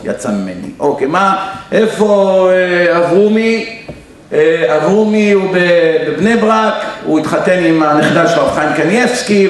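A rabbi giving an impassioned ethical sermon, repeating phrases and acting out the voices in a story he tells. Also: a little high. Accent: Israeli Hebrew. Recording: very echoey hall, distant mic, faint noise.

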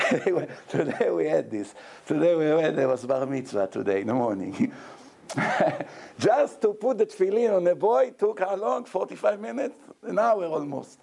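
Joking rabbi with a mellow voice. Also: male voice, fairly high pitch, sing-song, moderate pace, creaky, breathy edge. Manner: joking, chuckling, mixing Hebrew and Yiddish words. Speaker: rabbi giving a lecture. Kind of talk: informal Torah lecture with anecdotes.

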